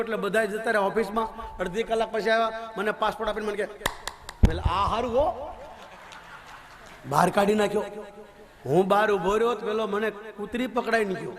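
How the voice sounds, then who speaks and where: A male preacher with a Gujarati accent, telling funny anecdotes and moral lessons in a chatty devotional sermon, laughing often. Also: sits high. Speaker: Ram Katha preacher.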